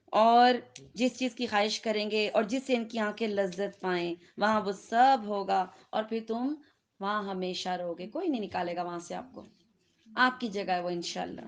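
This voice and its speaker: A middle-aged woman with a Pakistani Urdu accent, lecturing a Quran class and putting questions to her students. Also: mid-range voice. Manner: questions the students and laughs with them.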